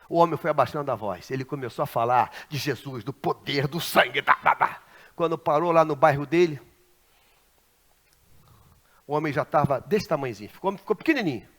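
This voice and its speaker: A man from Rio de preaching a Pentecostal sermon, telling stories dramatically and swinging from hushed asides to shouts. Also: fairly high pitch. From Brazil. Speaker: pastor. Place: large church sanctuary.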